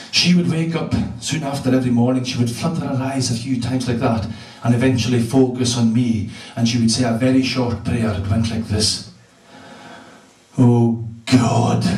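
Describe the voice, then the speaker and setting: Hebridean Scottish man doing stand-up. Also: a little high. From Isle of Lewis, Scotland. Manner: profane, deadpan storytelling. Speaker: stand-up comedian. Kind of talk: stand-up comedy. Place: live comedy venue. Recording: echoey club room from far off.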